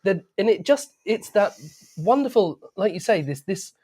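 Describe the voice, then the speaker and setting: A man's voice: high-pitched, lively intonation, normal speed, mellow, slightly rough. Enthusiastic man explaining wine in conversation.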